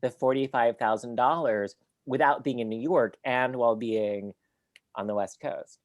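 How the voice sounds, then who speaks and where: A woman's voice: a bass voice, normal speed, no room sound, muffled recording. A woman hosting a reading series on a video call, chatting playfully with many restarts. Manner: playful, rambling, stumbles over restarts. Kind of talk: casual chat.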